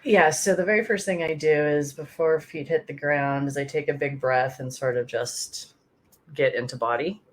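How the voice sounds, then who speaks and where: A woman's voice: deep voice, steady tone, normal speed. Laughing, self-deprecating woman podcaster. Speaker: podcast co-host. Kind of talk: casual chat.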